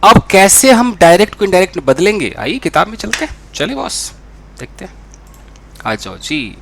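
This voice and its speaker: A young man teaching a spoken English lesson in an animated way, acting out the dialogue he explains. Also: high voice, normal speed, creaky, a little hiss or hum. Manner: animated, acts out quoted dialogue.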